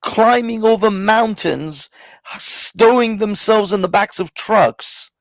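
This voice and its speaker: A man from Iran in a heated, casual debate, forceful and profane, repeating himself to press his point. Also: high voice, slow.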